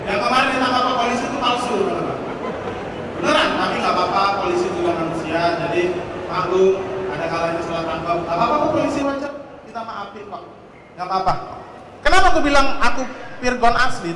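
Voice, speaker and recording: A man from North Sumatra doing a chatty stand-up comedy set and calling the audience friends. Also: very high-pitched. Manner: chatty, calls the audience "teman-teman", swears "sumpah". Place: large hall. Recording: echoey hall, faint noise.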